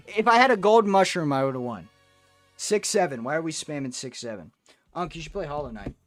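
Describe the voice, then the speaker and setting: A man's voice: fairly high pitch, sharp tone. A young man streaming a kart racing game, reading chat aloud and answering in crude, profane banter. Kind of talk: casual gaming stream chat.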